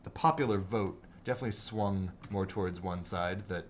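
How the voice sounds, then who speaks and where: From an office studio with a little hiss or hum, a livestream host and designer talks in a low voice at a moderate pace. He sketches as he chats casually, rambling and hesitant, and laughs suddenly now and then.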